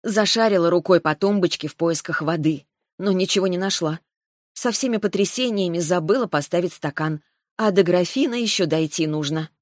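A woman narrating a first-person fantasy audiobook in a wry, even storytelling manner. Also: on the low side, moderate pace, no room sound, clean studio sound.

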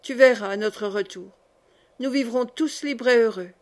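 A woman's voice: fairly high pitch, moderate pace, natural voice. A woman reading a tender, earnest young man in a classic novel. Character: earnest young male worker, idealistic lover.

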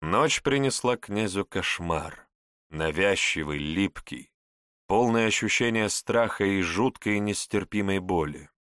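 Male audiobook reader, measured delivery, very slow, dry close sound. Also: low voice, animated, fairly bright tone, clean tone, no echo. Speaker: narrator. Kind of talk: audiobook narration.

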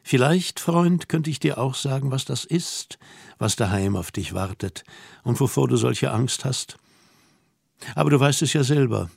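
A man reading an audiobook voices a young woman who teases and orders her companion about, asking brisk, mocking questions. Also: medium pitch, animated, vocal fry, slightly rough, no room sound, studio quality, heavily acted. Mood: teasing. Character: young woman, teasing, bossy and self-assured. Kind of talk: audiobook dialogue.

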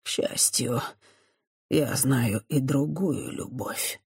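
Torn sad priest guy, low muted voice, dry sound, reader doing him. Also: measured pace, vocal fry, a little mellow, husky, no echo. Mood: sorrowful. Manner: low, muted, sorrowful delivery. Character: remorseful male priest, brooding and torn. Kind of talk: audiobook character voice.

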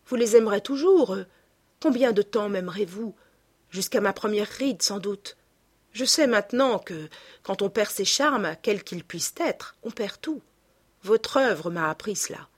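A woman reads an anguished young man in a storybook reading, his voice breathy and lifted with pleading. He sounds tearful and desperate. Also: medium pitch, lively intonation, measured pace. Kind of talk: audiobook reading.

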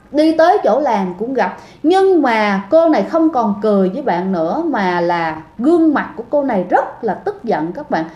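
A woman's voice: a little high, darkish tone, highs cut off. A woman telling a ghost story in a chatty way, often addressing her listeners directly. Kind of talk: casual storytelling. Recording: echoey room.

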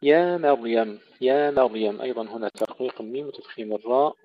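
A man leads a Quran recitation lesson, chanting verses slowly and melodically before breaking into quick, matter-of-fact explanations of pronunciation. His voice sits at an ordinary middle pitch. The recording sounds dull and lo-fi. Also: dry recording. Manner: slow melodic recitation alternating with brisk explanation.

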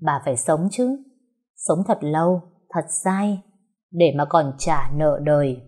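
A woman voicing a cold, calm, vengeful young woman who speaks in a quiet, measured way in an audio story. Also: low-pitched, heavily acted.

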